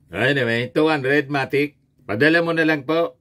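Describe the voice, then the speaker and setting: A man's voice: a little high, fairly bright tone. A middle-aged man hosting a vlog, chatting about the news and telling jokes in a casual way that often breaks into laughter. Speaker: vlog host.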